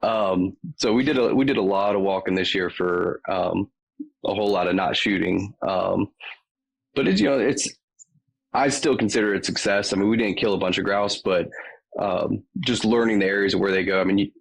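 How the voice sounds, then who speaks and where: A man's voice: lowish voice, normal speed, gravelly, rough recording. A man with a Southern US accent, a podcast guest chatting casually and rambling with many ums. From Virginia. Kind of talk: casual chat.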